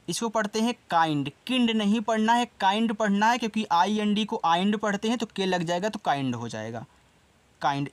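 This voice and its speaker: A man with a Hindi accent teaching an English lesson in a casual way, spelling each word out letter by letter and repeating it. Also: sits high. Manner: slow, spells words letter by letter and repeats them.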